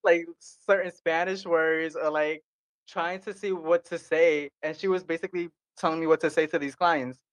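A man's voice: fairly high pitch, fairly even intonation, normal speed. A young man, a podcast co-host, telling an embarrassing story in casual chat and laughing often. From Cambodian heritage, United States.

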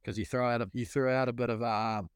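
A man's voice: mid-range voice, steady tone, fast, clear, resonant tone, no room sound, studio quality. A man with a broad New Zealand accent in casual, matey, slangy conversation. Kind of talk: casual chat.

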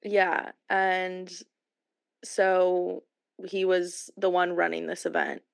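American woman with noticeable vocal fry. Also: lowish voice, completely flat delivery, slow pace, dry recording. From San Francisco Bay Area, USA. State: hungover, worn voice. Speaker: podcast co-host. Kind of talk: casual chat.

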